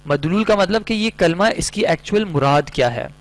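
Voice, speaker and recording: A man gives an online Arabic grammar lesson in a slightly higher-than-average voice. He explains patiently, piling up everyday examples one after another. A faint hum sits under the recording. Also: animated, normal speed, low-quality recording. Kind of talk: online lecture.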